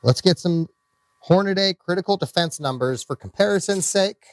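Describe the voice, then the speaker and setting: Outdoors at a shooting range, a gun channel host with an Iowa accent talks casually, wandering and correcting himself as he reads off ammo test numbers. He has a high voice at normal speed, with background noise present.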